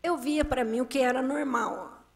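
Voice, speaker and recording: A woman giving nervous, halting testimony as an invited guest at a council committee meeting, with many fillers and restarts. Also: high voice. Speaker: invited guest making complaints. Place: council chamber.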